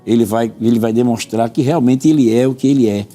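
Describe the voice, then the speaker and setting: A man's voice: medium pitch, fairly quick, warm tone, soft background music. A Brazilian man, a pastor, teaching on a religious TV panel in an earnest, expository way, quoting scripture and repeating points for emphasis. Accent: Brazilian Portuguese.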